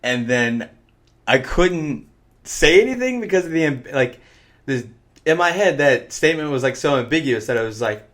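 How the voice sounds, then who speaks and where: A young man co-hosting a podcast, swearing and rambling loudly in casual chat. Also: medium pitch, animated, moderate pace. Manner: swearing, rambling, loud on purpose. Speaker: podcast co-host.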